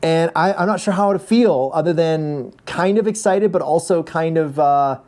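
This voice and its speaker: Casting note: man in his forties, vlogger, mellow low-bright tone, rambling storyteller. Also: moderate pace. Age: 40s. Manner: chatty storytelling, frequent restarts. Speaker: vlogger, ultrarunner. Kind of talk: casual vlog update.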